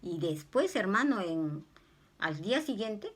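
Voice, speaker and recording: Animated preaching woman with lively pitch. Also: measured pace, husky. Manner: animated, swings into high squeals when quoting herself. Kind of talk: sermon testimony.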